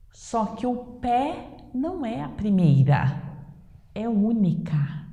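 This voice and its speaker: A woman teacher with a Brazilian Portuguese accent, giving a grammar lesson slowly and emphatically, posing rhetorical questions. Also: medium pitch, dark tone. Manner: slow, drawn-out emphatic explanation with rhetorical questions. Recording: echoey room with long reverb.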